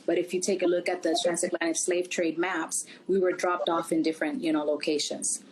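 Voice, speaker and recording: Low-voiced woman from Puerto Rico. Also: level tone, a little fast, rough recording. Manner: conversational, frequent "you know" fillers. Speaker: travel company founder, guest. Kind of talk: casual interview talk. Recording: faint background noise.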